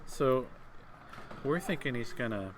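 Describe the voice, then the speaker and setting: A man's voice: medium pitch, expressive, measured pace, noisy background. A man commentating live on a tabletop miniatures game, talking casually with fillers and restarts. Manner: conversational, hesitant with fillers and restarts. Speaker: tournament commentator.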